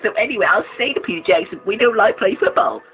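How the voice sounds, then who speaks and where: A man's voice: sits high, lively intonation, fast talker, narrow, tinny audio, faint music behind. A man joining an improvised comic story with whiny, sing-song complaints.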